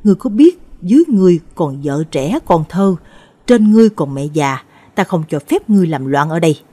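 A commanding older exorcist master barks at a spirit in a Buddhist ghost story, played by a woman narrator. The voice is loud and severe, lower and mellow with a breathy grain. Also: expressive, fairly quick, dry recording.

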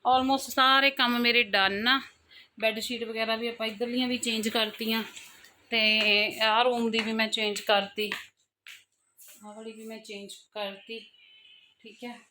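A woman's voice: a little high, flat delivery, unhurried, pauses often, pushed and bright, slight background noise. A young woman and mother chatting casually to her viewers at home in a daily vlog, talking loosely in long run-on sentences. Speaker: family vlogger, mother. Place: at home, indoors.

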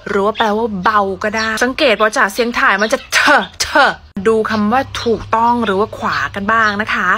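A young woman with an Isan accent giving a playful, teasing pronunciation lesson and repeating words slowly. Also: a little high, fairly even intonation, bright, forceful tone, soft background music. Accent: Isan (Northeastern Thai). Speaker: pronunciation teacher.

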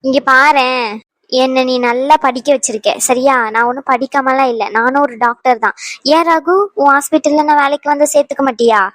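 A woman's voice: sits high, fairly even intonation, a little fast, fairly bright tone, no room sound. A woman voicing a strong-willed young wife in a cartoon dub, talking emphatically and scolding. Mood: determined. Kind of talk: cartoon dubbing.

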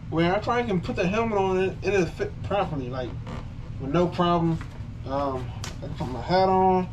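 A man speaking muffled through a gas mask, his voice picked up from a distance. He talks in a relaxed, rambling way and repeats himself often. Steady noise runs behind him. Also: a little high. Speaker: vlogger reviewing gear. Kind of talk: casual product demo. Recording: distant mic with clear background noise.

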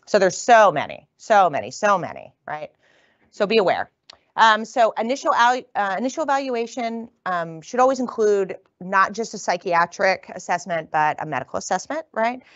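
A woman from the northern United States lecturing as a physician, talking fast and casually and often tagging her points with "right?". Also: mid-range voice, lively intonation, fairly bright tone, no echo, dull audio. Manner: quick, conversational, tags lines with "right?". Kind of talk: continuing-education lecture. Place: lecture room.

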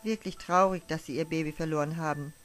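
A woman's voice: low voice, fairly even intonation, fast talker, lightly acted. A woman reading the part of a kind young night nurse who offers friendly, chatty comfort, over faint music. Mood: kindly.

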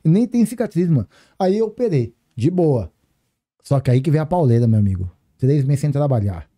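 A man with a Brazilian Portuguese accent holds the floor as a podcast guest, rattling through a story at high speed. His voice sits a touch high yet sounds very dark and mellow. He is animated and full of slang, and he acts out each exchange with the other people in the story. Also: brisk. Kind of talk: casual storytelling chat.

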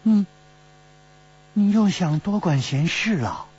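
A man's voice: high-pitched, lively intonation, takes it slowly, a little mellow, slightly rough, voice pushed up, full character voice. A man voicing a teasing young woman. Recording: slightly dull recording with faint hum.

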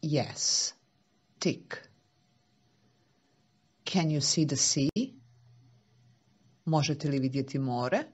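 A woman, a native Serbo-Croatian speaker, teaching small children slowly and simply as if reading to a toddler, with patient questions and repetition. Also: sits low, a little mellow, breathy edge. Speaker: English teacher for young children.

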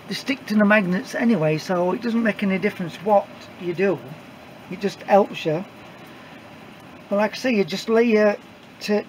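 High-voiced man demonstrating a workshop build. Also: a little hiss or hum, rough recording. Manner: rambling, plain-spoken, frequent uhs and restarts. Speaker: DIY maker showing a build. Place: workshop indoors. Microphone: camera mic, filming own hands off-camera.

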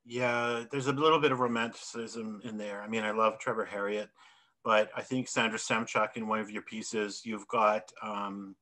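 A middle-aged artist presenter speaks reflectively in a panel discussion over a video call, joining via webcam from a home office with bookshelves and plants. He gestures while talking and corrects himself. His voice is fairly low and sharp in tone, with a flat delivery at a moderate pace.

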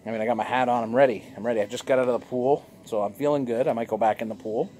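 A man's voice: mid-range voice, racing, a little hiss or hum. A jovial, chatty man, reviewing a beer for his vlog on a sunny outdoor patio, recorded by a camera across the table. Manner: jovial, chatty, animated gestures. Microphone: fixed camera across a table.

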